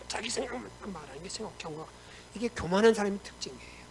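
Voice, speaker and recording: A male pastor preaching a lively Sunday sermon in a church, acting out characters' angry lines, putting questions to the congregation and laughing often. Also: sits high, fast talker, a crowd in the background, rough recording. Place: church sanctuary.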